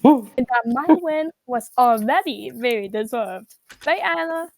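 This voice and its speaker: A vain, self-crowned evil queen diva, squeaky-high and pitch-shifted through a voice changer. She talks down to everyone in a haughty, bragging way and drops swear words. The sound is close and dry, with no room around it. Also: expressive, a little slow, gravelly, darkish tone, dry recording. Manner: haughty, self-aggrandizing, swears and laughs mid-sentence. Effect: voice changer pitch-shifting her voice. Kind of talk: comedic character roleplay.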